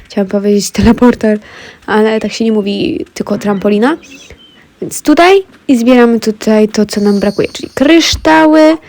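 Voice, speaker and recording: A let's play gamer with a cold chats to viewers while playing, her throat stuffed up. She has a medium-pitched, darkish voice and keeps a moderate pace in her casual commentary.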